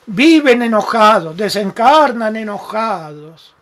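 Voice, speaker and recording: A man's voice: high voice, animated, slow, fairly bright tone. A man with an Argentine Spanish accent hosting a live-streamed self-help talk, emphatic and affectionate, calling viewers by name. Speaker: spiritual talk show host.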